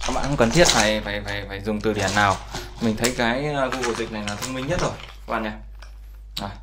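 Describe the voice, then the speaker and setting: A man's voice: on the low side, fast talker, noisy background. A man teaching an English lesson over a screen recording, explaining words with many fillers and checks with his viewers. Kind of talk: screen-share language lesson.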